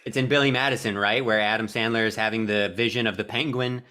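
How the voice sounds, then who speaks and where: Bright-voiced, blunt male podcast co-host. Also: fairly low pitch, fairly even intonation, fast talker, smooth. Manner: blunt, swears casually. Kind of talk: casual chat.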